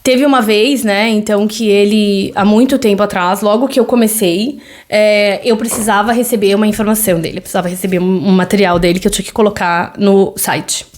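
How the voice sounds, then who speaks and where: A Brazilian woman in her thirties with a Brazilian Portuguese accent hosts a solo podcast in a medium-pitched, slightly mellow voice with fairly even intonation and a brisk pace. She talks loosely and conversationally, with many fillers and tag questions.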